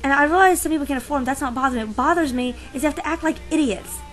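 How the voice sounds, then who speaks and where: A woman's voice: sits high, racing, a bit bright, soft background music, low-quality recording. Sarcastic rambling teen girl vlogger. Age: teens. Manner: sarcastic, rambling, self-interrupting. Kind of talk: casual ranting vlog.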